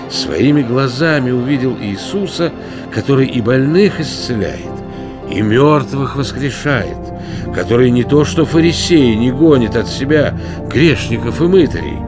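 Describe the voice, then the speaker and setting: Expressive male storyteller over music. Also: mid-range voice. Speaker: narrator. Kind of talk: scripted narration of a children's Bible story.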